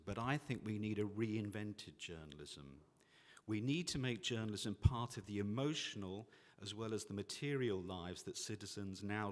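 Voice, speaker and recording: Low-voiced man speaking in a hall. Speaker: panelist. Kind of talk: closing a conference talk. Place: conference hall. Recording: reverberant conference hall.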